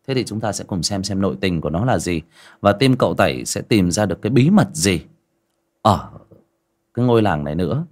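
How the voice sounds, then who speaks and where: A man's voice: sits low, animated, fairly quick, a little mellow. A man narrating a village ghost story on a livestream in a conversational way.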